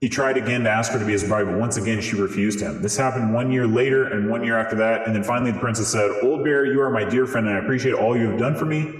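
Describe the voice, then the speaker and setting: A man reading a fairy tale aloud through a voice changer that morphs his voice, in steady storybook narration. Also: on the low side, quick pace, few pauses. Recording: roomy with long reverb.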